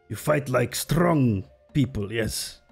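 A man playing a nervous, caring innkeeper who speaks in broken, halting English with many hesitations. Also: medium pitch, lively intonation, gravelly, a little mellow, slightly rough, faint music behind, heavily acted. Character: nervous caring male innkeeper from a freed people, broken grammar.

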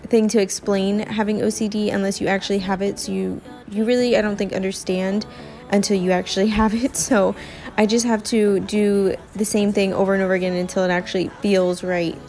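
A woman's voice: mid-range voice, little pitch movement, brisk, darkish tone, soft background music. A young woman chatting casually as she narrates her home cleaning video, with lots of filler words. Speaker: cleaning vlogger.

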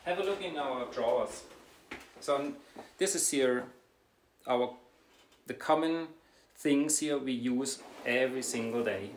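Slow, halting man touring a dental clinic. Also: mid-range voice. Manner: slow, halting, with many fillers and restarts. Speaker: dentist giving a clinic tour. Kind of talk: guided tour, explaining while walking. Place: indoors, a dental clinic treatment and sterilization room. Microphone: camera mic from a few steps away. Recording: roomy, distant, with clear background noise.

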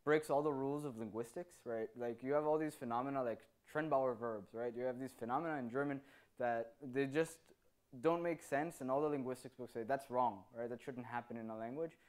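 A native Hebrew speaker in his thirties, a conference speaker with a mid-range voice, answers audience questions in a meeting room through a handheld microphone. Animated, he gestures with his free hand and tags his points with a quick "right?".

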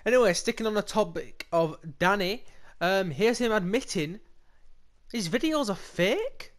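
A man's voice: high voice, expressive, measured pace. A man hosting a casual commentary show, mocking and profane. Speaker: show host. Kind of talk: casual commentary over clips.

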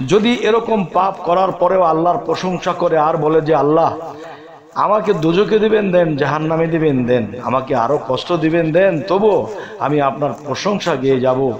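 A middle-aged man delivers a devotional sermon with a somewhat high voice. He asks the listeners rhetorical questions and recites prayers in a rising, emphatic tone. A crowd murmurs clearly in the background. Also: moderate pace, highs cut off. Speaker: spiritual preacher.

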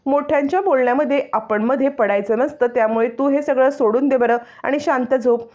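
A woman voicing a calm gentle aunt. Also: sits high, a little fast, muffled recording, voice pushed up, close to an everyday voice. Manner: gentle, instructive. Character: young aunt calmly settling a child.

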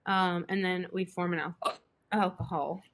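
A woman's voice: lowish voice, steady tone, a little slow, a bit bright. Hiccuping young woman tutoring chemistry. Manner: apologetic, self-interrupting with "excuse me". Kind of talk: online tutoring session.

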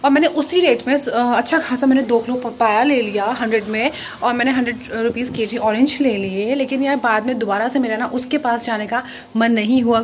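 High-voiced chatty woman vlogger. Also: a little hiss or hum. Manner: chatty, talks quickly. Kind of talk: casual chat.

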